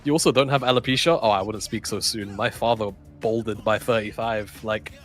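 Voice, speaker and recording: A man's voice: lowish voice, steady tone, brisk, soft background music. A man, co-hosting a livestream and chatting casually with viewers. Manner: chatty, swearing, laughs often. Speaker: stream co-caster.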